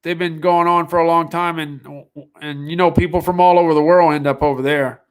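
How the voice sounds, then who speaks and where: A man's voice: fairly high pitch, steady tone, fairly quick, smooth. A man hosting a live sales stream, talking casually in a rambling way with restarts. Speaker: online sales show host.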